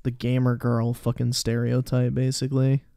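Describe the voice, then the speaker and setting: A man's voice: medium pitch, completely flat delivery, moderate pace, vocal fry, mellow, no room sound. A young man streaming live, reacting to videos with profane, slangy, scornful commentary.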